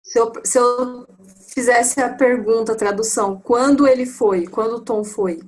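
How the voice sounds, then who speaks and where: A woman's voice: on the high side, moderate pace, poor audio. A woman student with a Brazilian Portuguese accent politely asking a hesitant question in a church classroom.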